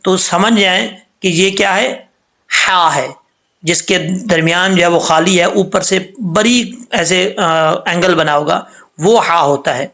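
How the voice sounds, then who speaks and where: A man teaching Quran reading in a patient lesson, spelling out syllables slowly and checking often that the learner follows. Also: sits high, creaky, sharp tone. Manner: patient, repeats each syllable slowly and asks "ٹھیک ہے؟" often. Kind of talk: recitation lesson.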